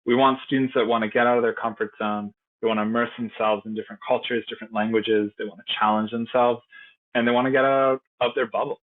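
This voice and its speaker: A man's voice: medium pitch, steady tone, fast talker. A man working as a program instructor, giving an earnest, conversational informational presentation. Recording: tinny phone-like audio.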